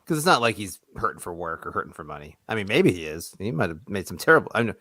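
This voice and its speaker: A man co-hosting a podcast in casual chat, animated and sarcastic. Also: fast, dry recording, clean studio sound. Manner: animated, sarcastic, jumps into high exclaims. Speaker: podcast co-host.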